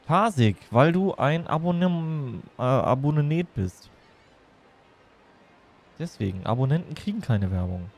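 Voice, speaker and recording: A man's voice: fairly high pitch, lively intonation, unhurried, gravelly, long pauses, slight background noise. A man chatting casually and playfully as he livestreams a game, rambling from one thing to the next. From Germany. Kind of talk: casual chat while streaming a game.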